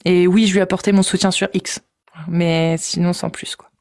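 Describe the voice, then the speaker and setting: A French-speaking woman hosting a casual live stream, relaxed and hesitant, with many fillers. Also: on the low side, normal speed.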